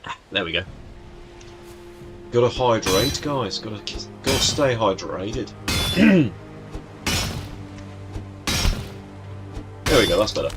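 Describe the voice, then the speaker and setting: A man streaming a game, a little hoarse as he loses his voice, rambling casually and teasing the creatures on screen. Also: on the low side, animated, moderate pace, pauses often. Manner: rambling, muttering to himself, teasing the game's creatures. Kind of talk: casual gameplay commentary. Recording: music in the background.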